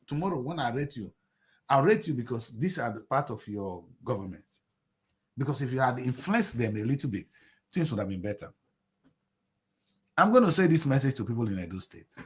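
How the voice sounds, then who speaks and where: A man in his late fifties with a Nigerian accent, giving impassioned political commentary on TV, firing off rhetorical questions and swinging between shouting and low mutters. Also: lively intonation, fairly quick, long pauses. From Nigeria (Delta State). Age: 50s.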